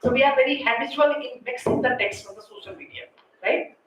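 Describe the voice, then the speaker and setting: A woman's voice: sits high, a little fast. A woman with an Indian accent giving a technical lecture as a conference speaker, explaining step by step and often checking in with short tag questions. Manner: explanatory, often ends points with checking tags like "right?" and "okay". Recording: distant mic, very echoey room, faint noise.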